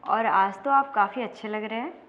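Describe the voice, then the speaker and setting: Woman acting a scheming, high-voiced female boss, echoey room. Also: normal speed, natural voice. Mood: coaxing flattery. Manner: coaxing, self-assured. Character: scheming, flattering female boss Priya, smooth persuader. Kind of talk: low-budget Hindi crime drama acting. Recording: roomy, echoing, dull low-budget sound.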